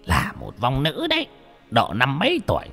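A man doing a gruff vengeful village sorcerer. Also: medium pitch, huge pitch swings, moderate pace, a bit bright, soft background music, pitched above the performer's own voice, full character voice. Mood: scheming. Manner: rough, blunt, scolding.

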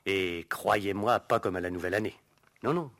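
In an old French radio show, an actor with a deep, slightly bright male voice plays a resentful, gossipy household servant at a moderate pace. Under questioning the character is hesitant, evasive and insinuating, with a sly, mocking mood.

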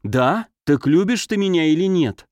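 A man's voice: fairly high pitch, lively intonation, moderate pace, a little mellow, no echo, highs cut off, pitched above the performer's own voice, lightly acted. A man reading the part of an anguished young noblewoman, pleading in breathless outbursts. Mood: feverish. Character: anguished young noblewoman, a marquise, tormented and feverish.

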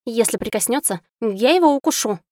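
A woman's voice: fairly high pitch, animated, a little fast, darkish tone, dry recording, clean studio sound, lightly acted. A woman voicing a small, fierce male squirrel familiar who chatters and snarls protectively. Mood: grumbling. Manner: chattering, bristling and threatening.

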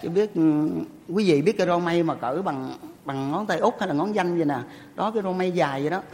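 A man's voice: sits high, fairly quick, in a large hall. Man telling stories with a Southern Vietnamese accent. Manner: animated, acts out voices in his stories; polite, answers with "dạ". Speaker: guest telling life stories. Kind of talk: casual spoken storytelling.

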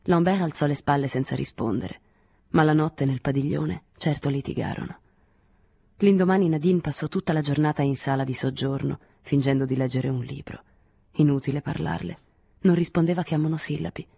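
Woman reading a novel, low husky voice, measured, dry close mic. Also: mellow, no room sound. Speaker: audiobook reader. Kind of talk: literary audiobook narration.

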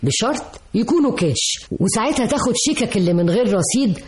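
A woman's voice: on the high side, very animated, fast talker, darkish tone. An actress with an Egyptian accent playing a domineering wealthy older businesswoman and mother in a radio drama, speaking in a commanding way. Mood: stern. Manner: imperious, commanding.

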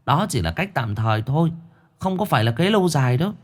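A man's voice: on the high side, big pitch swings, fast. A man narrating a ghost story in a dramatic reading.

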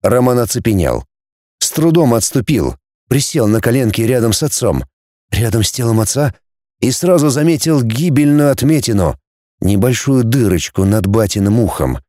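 A man reading a story aloud as an audiobook narrator, in an expressive storytelling manner. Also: mid-range voice, normal speed, dry recording, studio quality. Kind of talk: scripted narration.

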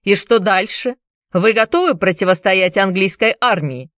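A woman voicing a burly middle-aged male cobbler who shouts commands over a crowd, in an audiobook reading. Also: mid-range voice, normal speed, no room sound, clean studio sound, voice pushed up, natural voice. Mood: shouting.

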